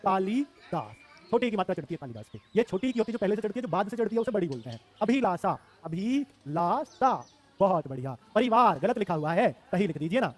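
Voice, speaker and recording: A man's voice: high-pitched, animated, rapid-fire, hardly any pauses, darkish tone. A man in his thirties with a Hindi accent, teaching a live online class for exam students, emphatic and repeating words to drill them.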